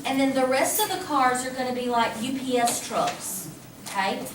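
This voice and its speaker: A woman math teacher giving a lively classroom lecture, talking casually and asking the class questions. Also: high-pitched, moderate pace. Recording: echoey classroom from a distance, faint hum.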